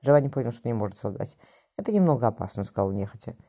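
A man's voice: sing-song, racing, dark tone. A man narrating a romance novel as an audiobook reader, voicing both lovers' dialogue himself. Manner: voices both lovers in dialogue with raised pitch.

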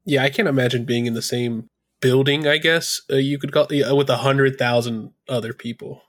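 A man's voice: medium pitch, fairly even intonation, moderate pace, dry recording. An American man co-hosting a casual talk show, loose and joking, full of fillers and tangents. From United States. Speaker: podcast co-host. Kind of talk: casual chat.

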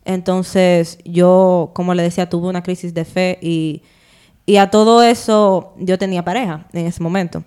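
Smooth-voiced young woman. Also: medium pitch. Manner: lively storyteller, playful and animated. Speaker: podcast co-host. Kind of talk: casual chat, testimony.

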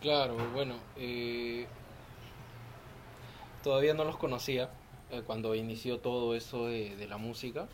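A man's voice: mid-range voice, steady tone, a little slow, pauses often. A man speaking as a musician guest in a casual, informal interview chat. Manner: joking, informal. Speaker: band vocalist, podcast guest. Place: outdoor home terrace. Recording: noisy outdoor terrace ambience.

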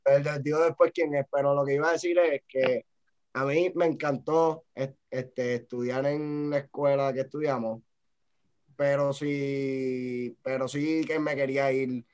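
A young man with a Puerto Rican accent hosting a casual podcast chat, relaxed and sprinkling in English words. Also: medium pitch, unhurried, clear, resonant tone. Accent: Puerto Rican Spanish. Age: young adult. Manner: relaxed, laid-back, mixes English words. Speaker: podcast host.

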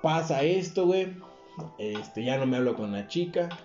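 Un hombre joven con acento mexicano que cuenta una anécdota en una charla informal, con mucha grosería y jerga, imitando las voces de otros. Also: male voice, medium pitch, expressive, normal speed, dark tone. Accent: Mexican Spanish. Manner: crude slangy storytelling, acts out quoted voices. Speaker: podcast co-host telling a story. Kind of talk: casual chat. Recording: roomy, dull lo-fi audio with faint music.

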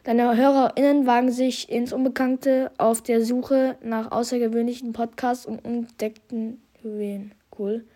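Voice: mid-range voice, level tone, a little slow, few pauses, dark tone. A young podcast host with a congested, stuffy nose, chatting casually and reading out statistics in youthful slang. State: slight head cold. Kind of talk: casual year-in-review commentary, reading out statistics.

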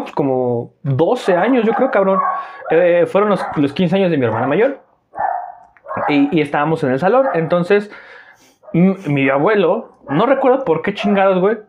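A young Mexican man tells a family story on a podcast with a lively voice that leaps up and down in pitch. His voice sits a little high for a man, and he swears freely and stumbles over repeated words. A faint hiss runs under the recording. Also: normal speed, highs cut off. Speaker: podcast co-host. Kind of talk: casual storytelling chat.

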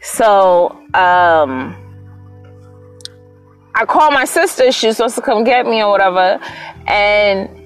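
A young woman, hosting a podcast and telling a personal story in a candid, profane, animated way. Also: medium pitch, slow, pauses often, clean tone, soft background music. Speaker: podcast host. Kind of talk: casual storytelling monologue.

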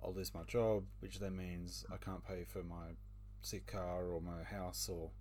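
A man's voice: deep voice, level tone, a little slow, a little mellow. A man leading a casual book discussion, thinking aloud with many fillers and hesitations.

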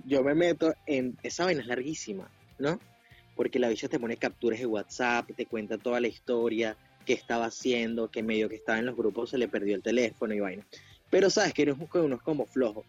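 A man with a Venezuelan accent, chatting casually on a podcast, slangy and animated, laughing often. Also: medium pitch, brisk, breathy edge. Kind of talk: casual chat. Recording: dull lo-fi sound with faint music.

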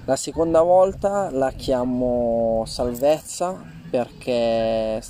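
Man, mid-pitched, dark mellow tone, muffled by a face mask, halting informal account, outdoor noise behind. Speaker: interview guest telling personal experience. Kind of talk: informal spoken testimony. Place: outdoors, at a distance from the interviewer. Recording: faint outdoor ambient noise. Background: outdoor ambient noise.

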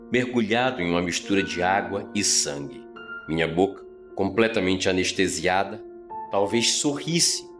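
Male story podcast host, deeper register, dramatic measured scripted narration.

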